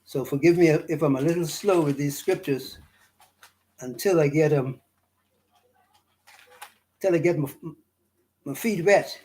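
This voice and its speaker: A Bahamian man giving an informal Bible study, reading verses slowly and pausing often with fillers and restarts. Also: fairly high pitch, darkish tone. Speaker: Bible teacher. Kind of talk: slow informal scripture study talk.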